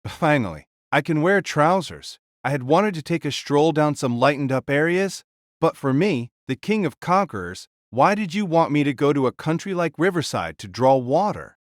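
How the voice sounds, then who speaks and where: A man's voice: a little high, very animated, normal speed, no room sound, clean studio sound. A man voicing a giant, boisterous ancient king spirit in an audio drama, hearty and blunt in manner. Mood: grumbling. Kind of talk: fan audio drama acting.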